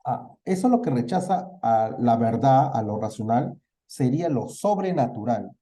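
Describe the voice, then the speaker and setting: Dark-voiced Peruvian teacher quizzing students. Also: male voice, medium pitch. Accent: Peruvian Spanish. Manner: asks students questions and answers them himself. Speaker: literature teacher. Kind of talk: online class review.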